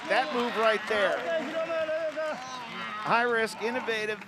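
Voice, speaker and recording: A man doing live play-by-play wrestling commentary, calling the moves with excitable bursts. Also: high voice. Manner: excitable, quick calls of the action. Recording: loud arena crowd and noise.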